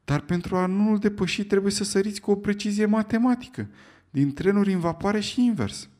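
An excitable English gentleman who is easily offended, as a male narrator puts him on, speaking in a raised, indignant voice. His pitch sits well above the narration, and his lines come out as exclamations. It is an audiobook reading. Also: close to an everyday voice. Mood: insistent.

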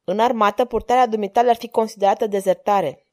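A woman's voice: medium pitch, fairly even intonation, lightly acted. A woman voicing a stubborn, earnest young king who pleads and gives firm orders in an audiobook reading.

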